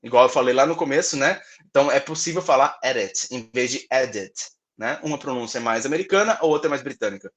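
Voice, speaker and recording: A man from Brazil leads a pronunciation workshop in an explanatory lecture style. He checks in with his listeners often and says example words twice to model them. His voice sits in an ordinary middle pitch. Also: fast talker. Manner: explanatory, frequent tag questions, repeats example words. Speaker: English pronunciation instructor.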